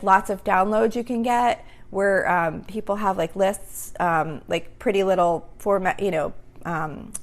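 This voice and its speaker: This podcast host's voice is gravelly and medium-pitched, and it's getting a little worn as she starts to lose it. Alone on a casual show, she rambles, leaning heavily on "um" and "like."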